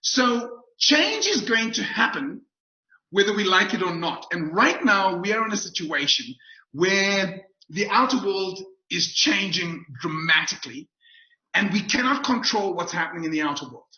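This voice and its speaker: Over roomy, dull video call audio, a man presents a webinar as a motivational speaker, upbeat and emphatic, returning to his key phrases again and again. He speaks high in a sing-song way at a moderate pace, with a sharp tone.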